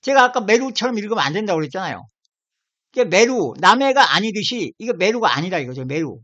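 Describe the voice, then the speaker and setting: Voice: mid-range voice, sing-song, fast, a bit bright. A channel host explaining word by word while pointing at a screen and repeating key words again and again. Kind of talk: casual explanatory talk over an on-screen dictionary. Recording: slightly dull lo-fi sound.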